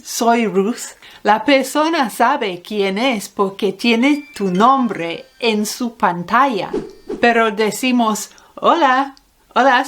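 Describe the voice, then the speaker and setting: A woman teaching a language lesson, switching between Spanish and English, with playful asides. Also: a little high. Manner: slow, deliberate delivery with playful asides.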